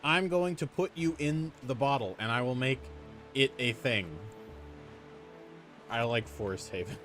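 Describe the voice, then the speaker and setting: A man's voice: mid-range voice, measured pace, a bit bright, soft background music. A man streaming a video game live, joking with chat in a casual, self-mocking way while he plays. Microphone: home streaming mic.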